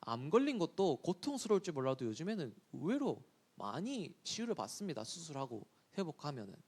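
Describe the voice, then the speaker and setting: Lively-voiced man preaching to children. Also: on the high side, slightly rough. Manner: asks the listeners questions and answers them himself; slows down to quote scripture. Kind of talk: sermon to children.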